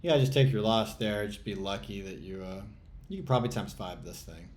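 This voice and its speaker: A man's voice: lowish voice, animated, brisk, a little mellow, a little hiss or hum. A man talking to himself while playing a trading game, muttering and sighing in exasperation, swearing at the chart as he commentates live. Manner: muttering exasperated self-talk, swearing, sighs. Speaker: trading channel host.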